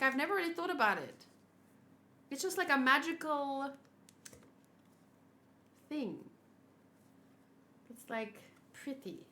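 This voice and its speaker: A thirty-year-old woman who hosts a gaming channel chats casually on a livestream while unboxing plush gifts. She gushes in a cutesy, rambling way, her high-pitched voice pushed and bright.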